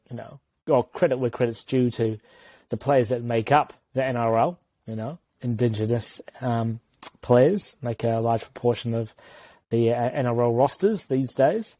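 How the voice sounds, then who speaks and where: Mellow, dry-voiced New man. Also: medium pitch, dry recording. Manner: earnest opinions, stumbling over words. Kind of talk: casual sports chat.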